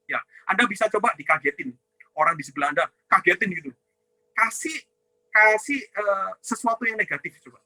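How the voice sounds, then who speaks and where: A man with a high, very bright and forceful voice gives a ministry teaching talk. He poses rhetorical questions and answers them himself, dropping a questioning "ya" after nearly every phrase. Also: animated, brisk, no echo, low-quality recording. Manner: asks and answers his own questions, tags lines with "ya"; addresses listeners as "saudara". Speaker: ministry teacher on inner healing.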